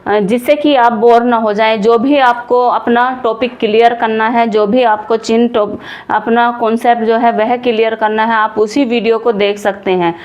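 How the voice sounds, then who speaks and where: Woman, young adult, grammar teacher, fairly high voice, repeats and rephrases, asks then answers herself. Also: steady tone, normal speed, a little mellow, highs cut off. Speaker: Hindi teacher. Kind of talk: classroom-style grammar lesson.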